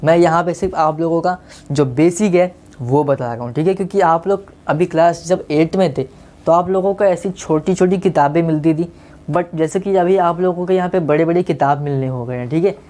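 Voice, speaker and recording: Coaxing teacher. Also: male voice, a little high, normal speed, a little mellow. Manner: coaxing, keeps checking if students understood. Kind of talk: casual online maths lesson.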